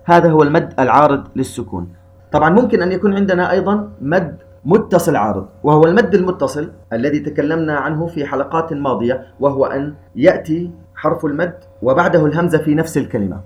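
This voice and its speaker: A man's voice: on the high side, fast, hardly any pauses, darkish tone, dull audio. A man with a somewhat raised voice leads a recitation lesson. He moves through each rule step by step and asks questions before answering them. His manner is methodical and instructive. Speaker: Quran recitation teacher.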